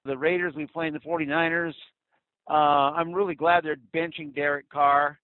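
A man's voice: fairly high pitch, moderate pace, no echo. A man from Southern California, a caller to a fan radio show, talking bluntly and with animation over a phone line. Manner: blunt, animated, swings loud and soft. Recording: tinny dry phone line.

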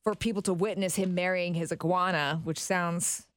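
A woman co-hosting a radio show in casual banter, quick with exclamations. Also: on the low side, fairly even intonation.

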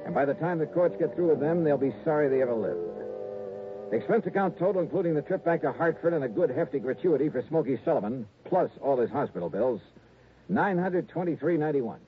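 A man's voice: on the high side, animated, fairly quick, phone-quality sound, over music, lightly acted. A male actor playing a shrewd, confident insurance investigator in a 1950s radio drama. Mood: wry, relaxed. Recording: thin, noisy old radio recording.

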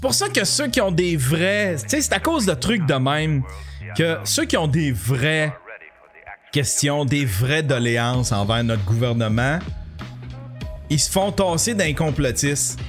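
A man's voice: fairly high pitch, animated, a little slow, soft background music. A man with a Québécois French accent hosting an online show, ranting with profanity and heavy sarcasm. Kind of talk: sarcastic live-stream commentary.

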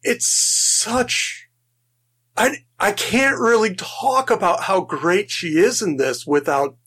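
A man's voice: high voice, takes it slowly, pushed and bright, slightly rough. A man co-hosting a casual film podcast, enthusiastic, laughing often and restarting his sentences as he talks. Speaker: podcast co-host.

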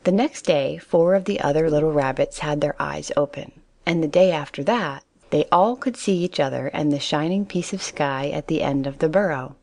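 A woman narrating a children's storybook in a calm, steady reading voice. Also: deep voice, normal speed, few pauses, no room sound.

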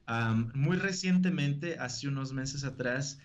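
A man's voice: medium pitch, slow, dull audio. A man with a northern Mexican accent, a preacher talking casually as an interview guest and laughing often.

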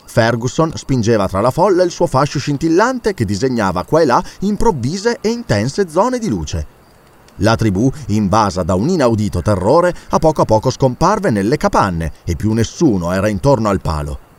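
A man reading a classic adventure novel aloud as an audiobook, with an expressive, dramatic delivery. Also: medium pitch, moderate pace. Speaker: audiobook narrator. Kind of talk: audiobook narration.

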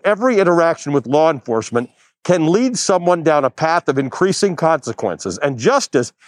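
Male news anchor, slightly high voice, dry close sound, emphatic commentary delivery. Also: dry recording. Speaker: news host. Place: outdoors near a courthouse.

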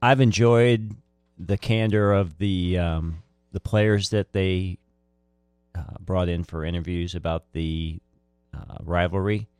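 A man's voice: deep voice, steady tone, takes it slowly, darkish tone, clear, resonant tone, dry recording, faint music behind. A man giving casual, conversational sports recollections as a radio panelist. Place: radio studio.

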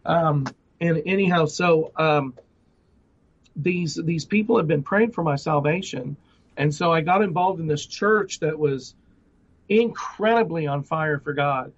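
At a measured pace and in a voice on the high side, a middle-aged man, the interview's guest ministry director, sincerely recounts his testimony. His delivery is full of restarts and fillers. The audio is dull, lo-fi.

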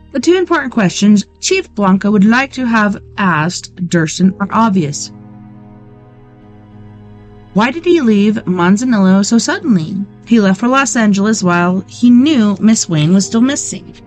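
A woman's voice: medium pitch, lively intonation, unhurried, faint music behind. A woman hosting a late-night show, reading a true-crime book aloud and breaking off into blunt, sarcastic asides with swearing. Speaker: weekend show host.

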